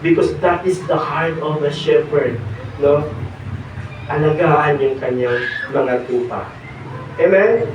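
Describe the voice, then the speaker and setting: A hoarse young man preaching a sermon, mixing in English and pausing on fillers. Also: on the high side, slight background noise. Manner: mixes Tagalog and English, pauses with fillers. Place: church hall. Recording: echoey hall, distant dull mic.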